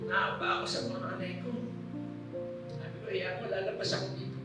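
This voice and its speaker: With a high voice, fairly even intonation and a fairly quick pace, a middle-aged man shares a heartfelt religious testimony and speaks courteously to the congregation. The distant recording captures an echoey hall with gentle instrumental music playing.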